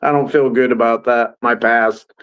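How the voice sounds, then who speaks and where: A man's voice: mid-range voice, fairly even intonation, normal speed, smooth, highs cut off. A man co-hosting a casual sports podcast over an online call, folksy and rambling. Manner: rambling, folksy, restarts often. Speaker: podcast co-host.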